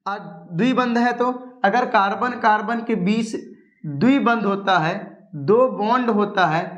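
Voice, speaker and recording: A high-voiced male chemistry teacher runs a casual coaching class. He is chatty and coaxing, and keeps firing questions at his students before answering them himself. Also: a little slow, fairly bright tone, highs cut off. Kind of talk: casual coaching lesson at a board.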